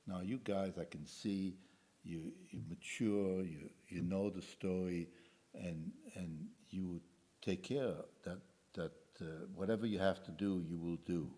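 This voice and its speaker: An older man, born in Belgium, giving a talk as a guest speaker at a commemoration, halting and often repeating words as he restarts his sentences. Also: low-pitched, fairly even intonation, warm tone.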